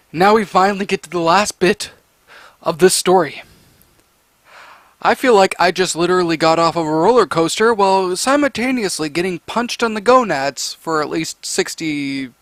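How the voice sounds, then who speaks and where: A man with a high-pitched voice, recorded dry and close, rants through his review of a horror story. He rambles, stammers and repeats himself, sounding exasperated as he picks the story apart. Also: moderate pace, a bit bright, dry recording. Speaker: creepypasta reviewer. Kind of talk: ranting commentary.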